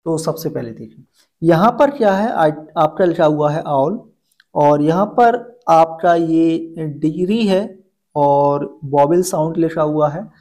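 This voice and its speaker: A woman's voice: sits low, animated, takes it slowly, mellow. A woman with a Hindi accent teaching an English grammar lesson, explaining step by step and asking questions back to the learner. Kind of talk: classroom-style grammar lesson.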